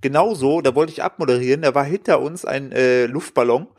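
A man's voice: mid-range voice, a little fast, a little mellow. A man in his late twenties co-hosting a casual podcast, telling long rambling anecdotes with youthful slang. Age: late 20s. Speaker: podcast co-host. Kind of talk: casual chat.

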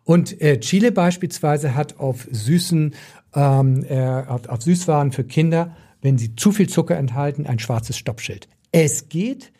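Emphatic man with a mellow, higher voice. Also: lively intonation, a little slow, breathy edge. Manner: emphatic, opinionated, repeats for stress. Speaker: nutrition doctor, podcast expert. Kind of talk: conversational explaining, podcast talk.

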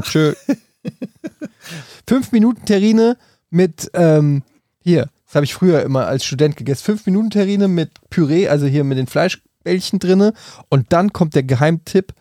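A man in his thirties with a mellow, slightly higher voice, bantering on a podcast. He reads listener questions aloud and teases his friends. The sound is dry and close. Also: brisk, no echo. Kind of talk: casual banter.

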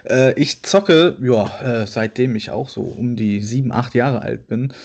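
Hesitant man of thirty, mid-pitched. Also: unhurried, creaky, a little mellow. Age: 30s. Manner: hesitant, self-deprecating. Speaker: podcast co-host. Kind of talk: casual podcast chat.

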